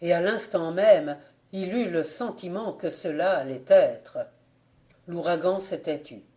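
A man narrating an audiobook of an old folk tale in a slow, measured and dramatic way. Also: sits high, warm tone. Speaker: audiobook reader.

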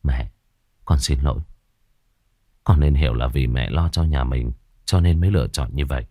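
Man doing a gentle young husband, very deep husky voice, audiobook. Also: moderate pace, dry recording, clean studio sound. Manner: gentle, soothing.

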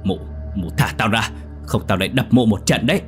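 A man voicing a brutish, drunken old husband who blusters and yells threats. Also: on the low side, a little fast, soft background music, lightly acted. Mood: threatening.

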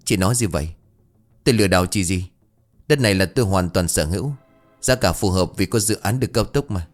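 Man playing loud defensive middle-aged man, hot-tempered, yells and wails, for a storytelling piece. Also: low voice, a little fast, lightly acted. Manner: shouting, wailing complaints.

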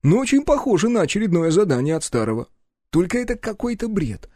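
A man voicing a crude, cocky young male partner who talks in a loud, mocking way. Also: sits high, very animated, quick pace, dry recording, clean studio sound, voice pushed up. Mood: brash mocking.

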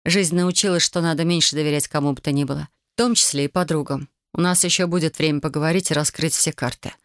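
A woman with a lowish voice narrating a first-person audiobook. She reads in a measured, even manner. The close studio recording is dry, with no room sound. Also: no echo.

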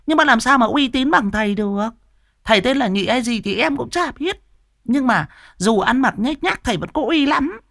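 A man voicing a loud, fawning middle-aged village woman who chatters in a shrill tone. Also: animated, normal speed, vocal fry, dry recording, studio quality, exaggerated voice. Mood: chattering.

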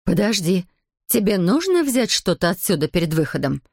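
Woman doing a calm, tender guardian lady. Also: on the low side, moderate pace, no room sound, clean studio sound. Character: caring, calm older female guardian.

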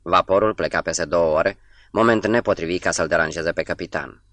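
A man reading a novel aloud as an audiobook narrator, in a measured, steady delivery. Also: low-pitched, no echo.

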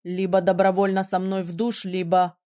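A woman's voice: fairly low pitch, monotone, moderate pace, dark tone, close to an everyday voice. A woman voicing a young male mage prince who is arrogant and hot-tempered, speaking in a curt, commanding way in an audiobook. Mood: teasing. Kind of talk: audiobook character voice.

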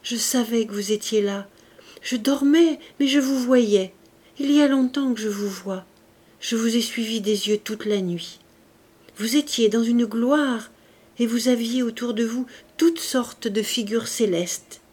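A woman voicing a frail, feverish young mother who longs to see her child, speaking higher and with eager fervor. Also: measured pace, darkish tone, husky. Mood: fervent. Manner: raised, eager, fervent delivery.

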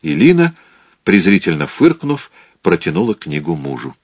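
A man reading a novel aloud as an audiobook narrator, measured and steady. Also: sits low, dry recording, highs cut off. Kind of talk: scripted literary narration.

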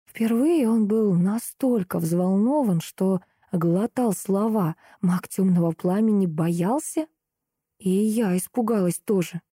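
A woman narrating a first-person audiobook in an expressive, storytelling way. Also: mid-range voice, slow pace, husky, no echo, studio quality.

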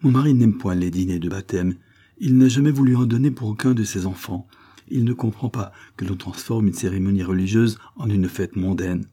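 Male reader voices a warm, insistent young wife; husky, dark tone. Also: on the low side, a little fast, close to an everyday voice. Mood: solicitous. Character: kind young wealthy wife and mother.

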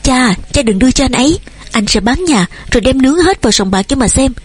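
A woman voicing a headstrong young daughter who shouts back, shrill and tearful, with a husky voice. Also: animated, quick pace. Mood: defiant.

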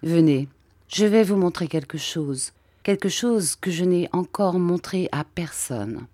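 A woman's voice: on the low side, expressive, measured pace, mellow, no room sound. A woman voicing a sorrowful, timid painter. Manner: plaintive, self-deprecating pleading. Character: sad, timid, shy middle-aged male painter.

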